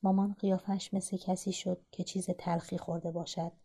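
Woman narrator for a story podcast, calm and even, dark mellow tone. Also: on the low side, slightly rough.

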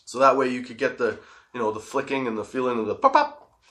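Stoned guy doing a casual podcast, bright voice, mid pitch, rambly and giggly, stretches out words. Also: steady tone, fast. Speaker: podcast host. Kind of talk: casual solo comedic podcast chat.

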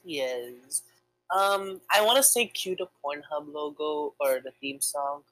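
A woman's voice: sits low, takes it slowly, fairly bright tone, no echo, poor audio. A young woman co-hosting a casual podcast, chatty and hesitant, with lots of fillers. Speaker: podcast co-host. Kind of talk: casual chat game with a friend.

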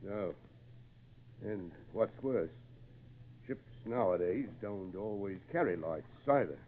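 An actor playing a gruff, kindly old fisherman with salty, folksy talk in an old-time radio drama. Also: on the low side, animated, slow. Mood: calm, wary. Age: older. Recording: muffled, narrow-band old radio recording.

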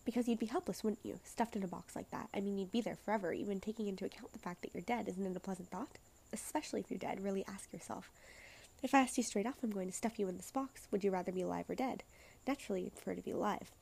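Woman reading aloud a fretful talky courtier, low husky half-whisper, some gravel in it. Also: fast talker, a little mellow. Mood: musing.

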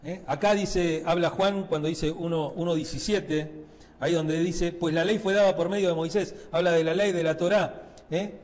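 A man's voice: on the high side, steady tone, moderate pace, a little mellow, in a large hall. A man preaching a sermon in a conversational way, often tagging his points with a questioning "eh?".

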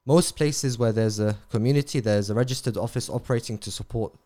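A man being interviewed as a charity representative, explaining in a measured way and sometimes drifting off on tangents. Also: mid-range voice, mellow. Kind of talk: conversational interview.

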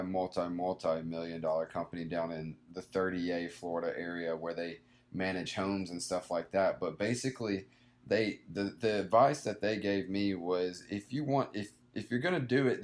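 A man's voice: low-pitched, moderate pace. A man in his twenties, a young small business owner, giving earnest, rambling advice in a casual conversation, full of fillers and restarts. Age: 20s.

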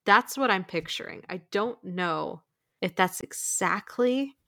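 A woman's voice: medium pitch, lively intonation, measured pace, fairly bright tone, no room sound, studio quality. A young woman co-hosting a casual podcast, rambling with lots of filler words and frequent giggles. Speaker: podcast co-host.

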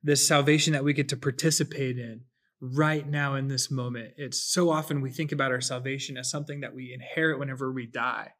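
Man, mid pitch, thoughtful, explanatory, casual faith discussion. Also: steady tone, a little fast, a bit bright.

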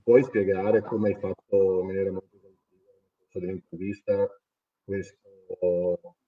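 A man's voice: deep voice, little pitch movement, measured pace. A man putting a long interview question over a remote connection that breaks up and sounds far away. He halts and restarts mid-phrase. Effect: remote connection breaking up, heard faintly and far off. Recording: distant, muffled remote call audio.

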